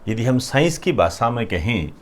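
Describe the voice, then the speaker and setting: A man giving a classroom lecture, explaining terms step by step and often checking in with "clear?". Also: mid-range voice, very animated, normal speed. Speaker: teacher.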